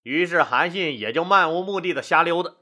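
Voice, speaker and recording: Bright, lively male history storyteller. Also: fairly high pitch, fairly quick. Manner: lively, colloquial, with acted-out asides. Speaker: storyteller host.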